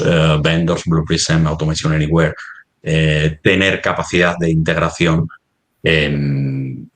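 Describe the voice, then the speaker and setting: In a semi-formal webinar discussion, a man presents with a Spanish accent from Spain. His voice is low-pitched, and he hesitates as he hunts for the right words.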